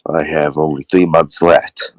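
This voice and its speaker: A man voicing a frail, dying old billionaire who speaks slowly between sighs. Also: extremely low pitch, flat delivery, no room sound. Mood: weary. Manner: slow, sighing, breathy.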